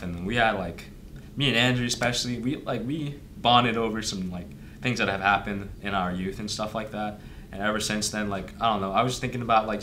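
A man's voice: lowish voice, fairly bright tone, slight background noise. A young man, the band's singer and guitarist, answering interview questions earnestly and ramblingly. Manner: earnest, rambling with many "like" fillers.

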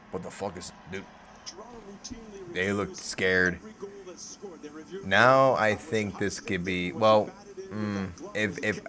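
A man hosting a live hockey watch-along, reacting casually to the game and chatting with viewers by name, swinging between low mumbling and sudden loud outbursts, often profane.

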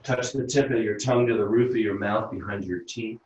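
A man leading a yoga class as instructor, calmly talking students step by step through breaths and stretches over a video call. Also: lowish voice. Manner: slow, calm step-by-step cueing of breath and movement. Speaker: yoga instructor and physical therapist. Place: room at home, teaching over video call. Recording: very echoey room, voice from far off the mic.

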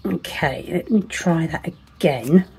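Here the resin crafter speaks in a deep, slow, darkish voice with a breathy edge. Working at home, she chats to herself in self-deprecating asides, occasionally dropping to a whisper, in a loose crafting commentary.

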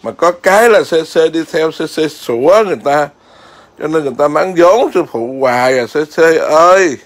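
A man's voice: on the high side, lively intonation, moderate pace. A man, a Buddhist monk, chatting casually outdoors in his garden and keeps asking his viewers whether they see. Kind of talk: casual home vlog.

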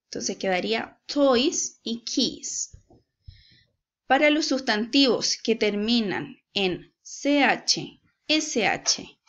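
Slow, patient Chilean woman teacher. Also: sits high, fairly bright tone, muffled recording. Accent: Chilean Spanish. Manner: slow, patient, checks in with "¿cierto?". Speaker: English teacher. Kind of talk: recorded slide lesson.

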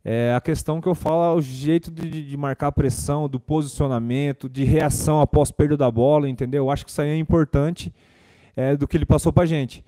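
This is a young Brazilian player taking press questions at a club press-room desk mic, loose in manner, with filler words and repetition. He has a mellow, somewhat high male voice, a brisk delivery and fairly level intonation.

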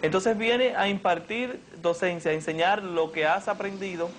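A man's voice: sits high, normal speed, a bit bright, a little hiss or hum. Formal young man interviewing. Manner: long, formal, elaborate questions. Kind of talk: TV interview questions. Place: living room.

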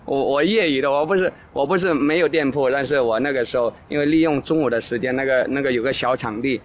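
A man's voice: mid-range voice, quick pace. A man hosting a casual talk show, answering listener questions in a rambling way with frequent restarts and repeated words. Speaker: English teacher and podcast host.

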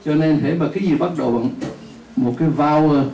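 Thầy giáo nói giọng Bắc, phòng vang vọng. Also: male voice, fairly high pitch, creaky, mellow. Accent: Northern Vietnamese. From northern Vietnam. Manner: drills students, repeats words slowly for them to echo. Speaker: English teacher. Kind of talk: classroom pronunciation lesson. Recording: echoey room, voice from a distance.

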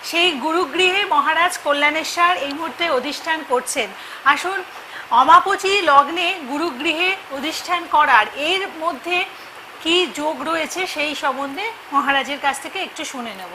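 A woman's voice: high voice, moderate pace, noisy background. A woman presenter introducing a guest at a temple in a formal way, with a few hesitations. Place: temple grounds.

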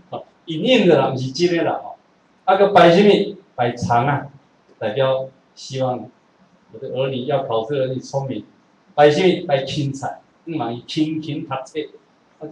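Taiwanese male lecturer, lively rhetorical delivery, heard from a distance in an echoey hall with a faint room hum. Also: mid-range voice. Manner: animated, rhetorical questions, chatty asides. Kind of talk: classroom lecture with humorous asides.

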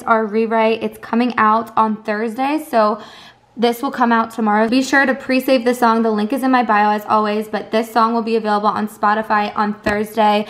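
A woman in her twenties, a student teacher, talking casually to her camera at home in an upbeat, chatty way, often saying "like". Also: fairly high pitch. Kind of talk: casual vlog talk to camera.

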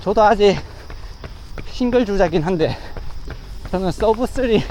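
A man's voice: sits high, animated, measured pace, darkish tone. A man chatting casually on his own while running outdoors, speaking in short, broken phrases. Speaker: amateur runner vlogging. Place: outdoors along a riverside path. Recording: outdoor ambient noise.

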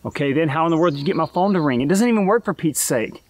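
A man's voice: on the high side, lively intonation, racing, no room sound, close to an everyday voice. An actor playing a skeptical man questioning a ghost in a film drama, speaking in an incredulous, questioning way.

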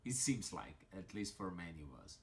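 A man with an Italian accent, a little tipsy, rambling slowly with sighs and fillers as he opens crystals in a mobile game. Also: low-pitched, big pitch swings, a little hiss or hum. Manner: slow, sighing, rambling with many fillers. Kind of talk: casual commentary while opening game crystals.

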